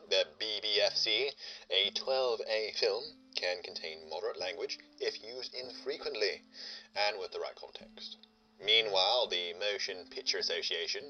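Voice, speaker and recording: A male host reading playful scripted narration with a fairly low voice. He explains at length, with jokes tucked into the explanations. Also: pushed and bright.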